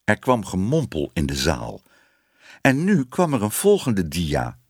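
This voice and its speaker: Male audiobook narrator, very animated pitch, dry close recording. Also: a little slow, slightly rough, no echo. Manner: expressive storytelling voice. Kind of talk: audiobook reading of a children's story.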